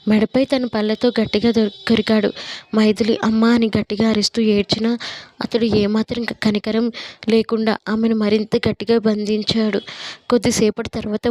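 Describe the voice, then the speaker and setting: A woman narrating an audio story with a steady, even reading. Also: medium pitch, moderate pace.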